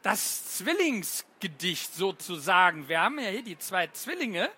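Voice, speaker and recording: A teacher reading playful poems aloud to children and quizzing them with questions along the way, in an animated sing-song manner. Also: mid-range voice, husky. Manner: slow, sing-song, asks the listeners questions.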